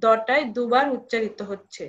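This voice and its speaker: A woman's voice: fairly high pitch, moderate pace, dull audio. A woman college lecturer giving a recorded lesson, repeating each rule and asking students questions.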